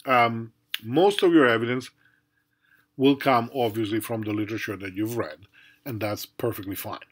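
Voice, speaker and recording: A middle-aged man gives a recorded university lecture in a relaxed, conversational way. His pitch sits at an ordinary middle level. He checks in with the class often and talks around his points with plenty of fillers. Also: moderate pace. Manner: conversational, many fillers and tag questions. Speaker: university professor.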